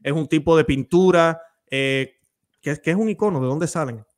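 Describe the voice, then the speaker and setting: A man's voice: a little high, normal speed. A Mexican man hosting a live stream, chatty and inviting, sometimes losing his thread. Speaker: host.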